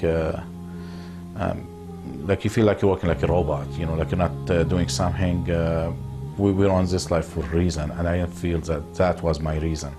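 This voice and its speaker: A man in his fifties, born and raised in Lebanon, speaking in an interview with a measured pace, many pauses and fillers. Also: sits low. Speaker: interviewee, businessman. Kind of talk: reflective interview talk.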